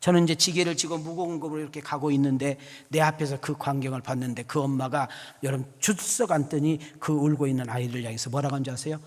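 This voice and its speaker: A man preaches a sermon in a church, swinging between folksy storytelling and rising, emphatic calls. His voice sits high for a man. A long reverb from the hall trails his words. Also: steady tone, fast, few pauses. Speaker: pastor. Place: church sanctuary.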